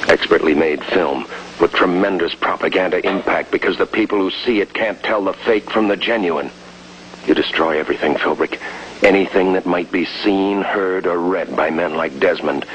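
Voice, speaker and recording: Tense undercover agent, American, terse 1950s crime drama delivery, low-pitched, noisy vintage film sound. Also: male voice, moderate pace, a bit bright. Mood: grave, terse. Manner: clipped, terse, grave. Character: tense, watchful male undercover agent in his prime. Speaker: lead actor and voice-over narrator. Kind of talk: 1950s television crime drama acting and terse voice-over narration.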